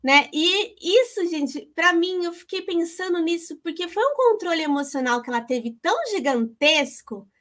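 A woman's voice: extremely high pitch, lively intonation, moderate pace, few pauses, a bit bright. A woman talking casually about a Bible story and her own life, chatty and emotional, calling her listeners "gente". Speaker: co-host.

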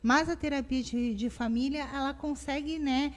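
A woman talks through parenting advice as a family therapist. Her voice sits high, and she slips into quick little voices for parents and children. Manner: warm explanatory, acts out parent and child quotes. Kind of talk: casual talk-show advice.

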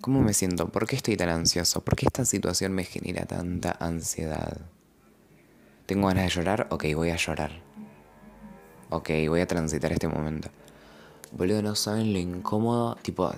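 A man's voice: low-pitched, moderate pace, vocal fry, a little mellow. A young man with a Rioplatense accent, rambling reflectively in a casual confessional podcast monologue full of slang. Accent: Rioplatense Spanish. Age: young adult. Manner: gestures and moves while talking. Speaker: podcast host.

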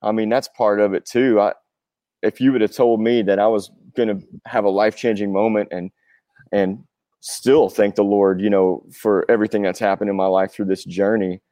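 A man's voice: on the low side, steady tone, moderate pace, warm tone, dry recording. A man in his forties talking casually as a guest, earnest and reflective, rambling through personal thoughts. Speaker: interview guest, touring rock drummer. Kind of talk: casual chat.

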